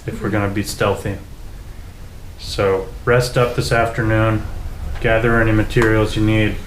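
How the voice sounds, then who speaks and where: A man's voice: on the low side, level tone, moderate pace. Male tabletop player, roomy echoing sound. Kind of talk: casual in-character role-play. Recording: roomy echo, faint room noise.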